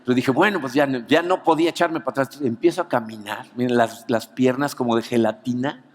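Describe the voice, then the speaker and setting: Mexican pastor preaching in a reverberant hall. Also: male voice, mid-range voice, quick pace. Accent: Mexican Spanish. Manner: animated storyteller, peppers lines with "¿no?". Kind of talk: anniversary sermon with personal story. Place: church auditorium. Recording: long reverb of a church hall.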